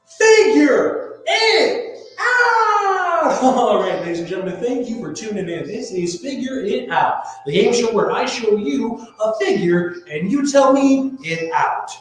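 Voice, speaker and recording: A man hosting a live-streamed trivia game show, playful and showy, chatting casually with viewers in a very echoey space. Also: sits high. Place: echoey room. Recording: very echoey reverberant space, music behind. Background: music.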